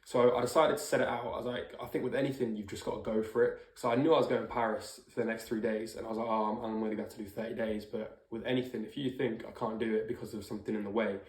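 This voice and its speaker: Fast-talking man in an echoey room. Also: lowish voice, level tone. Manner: informal, occasional swearing. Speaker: vlogger doing a personal challenge check-in. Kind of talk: casual talk to camera. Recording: roomy indoor echo.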